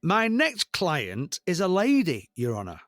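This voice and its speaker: A man's voice: high-pitched, wildly swooping pitch, unhurried, fairly bright tone, no room sound, clean studio sound, voice pushed up, exaggerated voice. A man voicing a timid male defence lawyer who hesitates and pleads with the judge. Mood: pleading.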